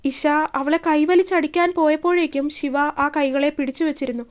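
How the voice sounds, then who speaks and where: High-voiced woman reading a romance story. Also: brisk. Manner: steady, expressive reading.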